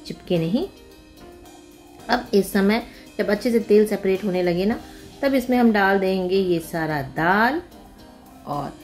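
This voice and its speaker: Her voice is lowish and mellow as she narrates a recipe one step at a time, an Indian-accented cooking host keeping things informal. She slips English words and phrases into her talk, with background music running underneath.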